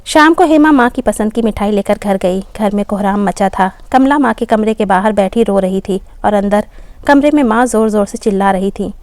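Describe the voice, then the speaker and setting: A woman narrating a scripted family story with a steady, expressive reading. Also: medium pitch, dry recording.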